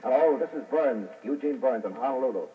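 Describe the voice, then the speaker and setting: An actor playing an urgent male wire reporter who dictates news over the phone in brisk, clipped bursts, in 1940s radio acting on an old newsreel-style broadcast. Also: mid-range voice, animated, recorded from a distance, narrow, tinny audio. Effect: old newsreel-style radio broadcast sound.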